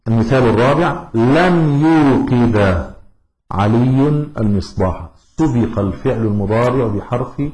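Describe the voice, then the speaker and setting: A man teaching a grammar lesson, slow and deliberate, repeating each example word. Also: lowish voice, warm tone. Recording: echoey room.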